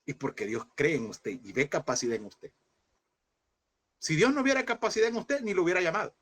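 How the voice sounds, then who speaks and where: A man's voice: a little high, animated, fairly quick, a bit bright. A man in his thirties teaching a seminary class as a fervent sermon, speaking through grief and constantly calling his listeners "brother.". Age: 30s. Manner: fervent, addresses listeners as "hermano". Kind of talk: impassioned sermon-style class.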